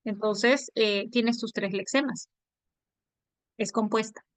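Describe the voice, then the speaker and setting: A woman teaching a language class online, explaining step by step and checking understanding with quick tag questions. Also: medium pitch, fairly even intonation, no echo.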